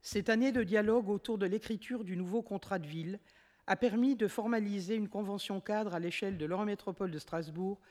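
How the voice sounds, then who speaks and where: Woman councillor, formal report read aloud, measured and steady, long chamber reverb. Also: mid-range voice. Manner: steady, measured reading with occasional self-corrections. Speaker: municipal councillor presenting a motion. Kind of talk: formal reading of an administrative report.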